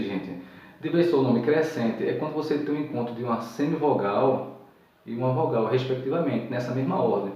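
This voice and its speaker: A man's voice: mid-range voice, warm tone. A man giving a recorded grammar lesson, patiently repeating each point and checking that his listeners follow. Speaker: teacher. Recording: echoey room, distant mic, dull sound.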